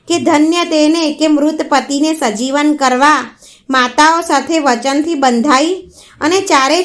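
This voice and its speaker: A woman narrating a devotional folk story in a steady, even read-aloud manner. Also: high voice.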